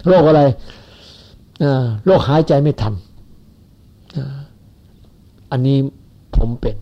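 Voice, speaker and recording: A man's voice: a little high, expressive, slow. A man in his seventies giving a rambling, folksy Buddhist sermon to followers. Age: 70s. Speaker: Buddhist teacher. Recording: lo-fi dull recording.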